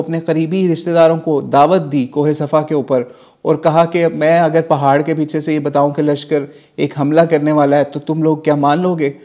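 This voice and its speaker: With a slightly high, mellow voice, a religious teacher from Pakistan narrates Islamic history to a class in storytelling style. He raises questions only to answer them himself, mixing English words into his speech.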